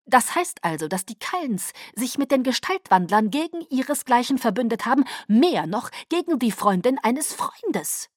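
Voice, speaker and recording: A cold, scheming vampire lord barks his lines in a loud, clipped, hurried voice, as a woman puts him on. He is curt and brusque, with a dry, close sound. This is an audiobook reading. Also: fairly high pitch, sing-song, no echo, pitched above the performer's own voice.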